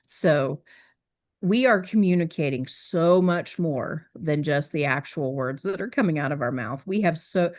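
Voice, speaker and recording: A woman's voice: sits low, a little slow, a little mellow. A woman presenting on a wellness team, explaining communication in an earnest, teaching way and often checking in with "right?". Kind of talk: teaching discussion.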